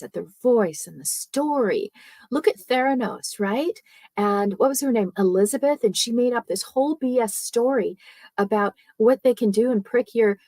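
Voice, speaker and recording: A woman speaking coach talks softly through a live online training, chatty and loose, peppering her points with fillers and quick "right?" and "okay?" checks. Her voice sits a little high but sounds mellow. The close mic is dry, with no room sound. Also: dry recording. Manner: chatty, many fillers and tag questions.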